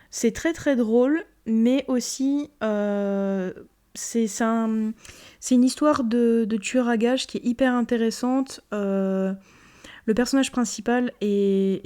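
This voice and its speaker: A woman's voice: medium pitch, dark tone, clean tone. A young woman casually reviewing anime, rambling with many fillers and repeated "very, very".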